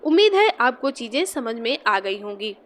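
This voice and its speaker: A woman's voice: fairly high pitch, very animated, moderate pace, a bit bright. A young woman teaching a Hindi exam-prep lesson, patiently repeating key points and examples.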